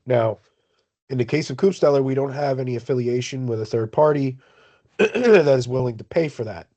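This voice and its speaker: A man with a relaxed, mellow voice is on a video call, explaining a project to colleagues. He talks in a measured way with halting pauses, like the person leading the meeting. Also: mid-range voice. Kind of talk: explaining in an online work meeting.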